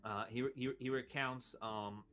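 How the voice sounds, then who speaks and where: A man narrating a tabletop role-playing game as game master, halting and searching for his words. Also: mid-range voice, steady tone, sharp tone, faint music behind.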